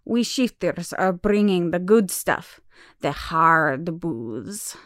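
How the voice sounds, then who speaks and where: Woman as a slow, smooth shapeshifter boss. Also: on the low side, lively intonation, dry recording, clean studio sound. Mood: cool, teasing. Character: cool, shrewd female shapeshifter pack leader. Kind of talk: audio drama acting.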